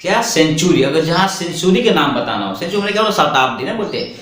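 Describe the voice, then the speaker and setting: A man teaching a spoken English lesson in Hindi. He asks questions and answers them himself, and he slows right down for the English example sentences. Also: a little high, animated, fairly bright tone. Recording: echoey room with faint background noise.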